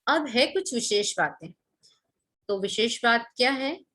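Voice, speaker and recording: A woman's voice: fairly high pitch, expressive, unhurried, sharp tone. A woman teaching a grammar lesson to children, patient, asking the class questions and repeating key points.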